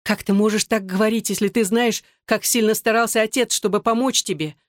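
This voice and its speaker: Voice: medium pitch, steady tone, fairly quick, dry recording, studio quality, pitched above the performer's own voice, close to an everyday voice. An audiobook reader voicing a desperate mother trying to make peace, pleading and crying out between husband and son. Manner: pleading, cries out. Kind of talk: audiobook reading.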